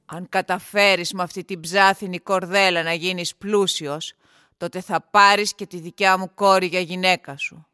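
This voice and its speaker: A woman doing a booming, scornful rich lord. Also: steady tone, bright, forceful tone, clear, resonant tone, no echo. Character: haughty angry rich male lord.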